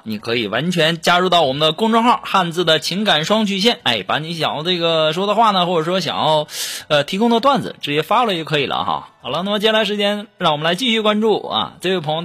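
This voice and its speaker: A man hosting a casual show, telling joke stories in an animated way, with exclamations. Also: on the high side. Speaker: host reading joke submissions. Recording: steady background music under voice. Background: background music.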